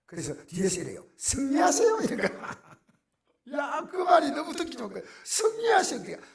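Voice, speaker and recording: A middle-aged male pastor, preaching a sermon that swings from hushed near-whispers to loud exclamations. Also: extremely high pitch, wildly swooping pitch, a little fast, vocal fry.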